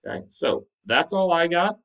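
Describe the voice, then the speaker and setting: A man's voice: sits high, very animated, normal speed, a bit bright. A man teaching like a teacher to his class, explaining step by step in an instructive way and posing questions to check understanding. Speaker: high school math teacher. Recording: distant microphone.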